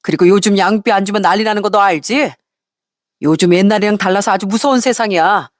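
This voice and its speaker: A woman's voice: mid-range voice, fast, no room sound, studio quality, lightly acted. A woman voicing a cold, fed-up divorced man. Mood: cold rebuke. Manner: cold, cutting, firm.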